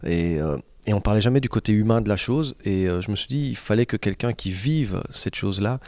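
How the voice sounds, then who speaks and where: Low gravelly man speaking thoughtfully. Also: animated, fairly quick, darkish tone, no room sound. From Lebanese-born family, raised in Guinea. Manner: thoughtful, hesitant with many fillers. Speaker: actor and playwright interviewed. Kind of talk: casual interview.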